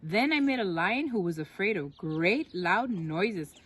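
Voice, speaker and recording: A woman's voice: mid-range voice, animated, measured pace, husky. A woman voicing a polite, anxious little boy turtle in a children's picture book read-aloud, with earnest, pleading, simple phrasing.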